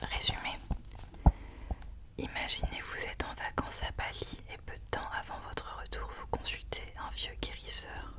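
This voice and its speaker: Someone speaking in a hushed, unvoiced library whisper, sharing and reading books in an informal ASMR style. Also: normal speed. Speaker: ASMR host. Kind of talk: whispered ASMR book recommendations and reading aloud.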